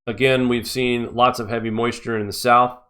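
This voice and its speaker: A man's voice: medium pitch, flat delivery, normal speed, fairly bright tone, smooth. A man hosting a live-stream news show, giving mocking, sarcastic commentary.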